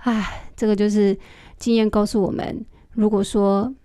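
A woman host, chatting casually and telling a story straight to her listeners in an animated way. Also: mid-range voice, unhurried, no echo, clean studio sound. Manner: animated, addresses listeners directly. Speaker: podcast host.

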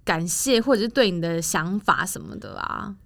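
A woman's voice: fairly low pitch, normal speed, vocal fry, no room sound. A young woman co-hosting a podcast, chatting casually and telling stories with indignant asides. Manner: lively storyteller, indignant asides. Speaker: podcast co-host. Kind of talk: casual chat, storytelling.

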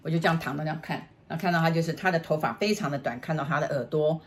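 A middle-aged woman from Taiwan with a Taiwanese Mandarin accent, casually telling a ghost story in halting bursts with many restarts and repeated words. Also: low-pitched. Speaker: storyteller, the host's mother.

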